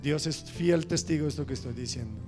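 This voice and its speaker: A middle-aged man preaching a sermon in a church, swinging from loud preaching to soft confiding asides. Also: on the high side, fairly quick, music in the background. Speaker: pastor.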